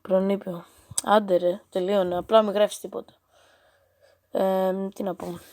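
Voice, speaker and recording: A woman's voice: medium pitch, level tone, a little mellow, a little hiss or hum. A female gaming channel host chatting casually and reading out a chatbot's replies, with playful, teasing, exasperated asides.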